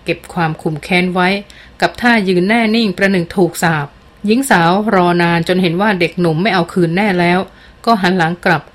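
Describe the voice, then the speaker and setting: A woman narrating a dramatic novel as an audiobook reader, in a measured and expressive manner. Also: on the low side.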